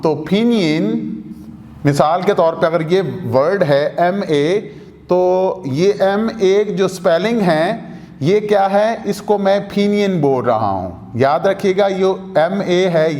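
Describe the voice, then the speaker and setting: A man with a Pakistani Urdu accent teaching a language lesson in a studio, slowly repeating points and answering his own questions. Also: sits high, a little mellow, big-room sound. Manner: slow, repetitive, asks and answers own questions. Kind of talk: video lesson explaining rules.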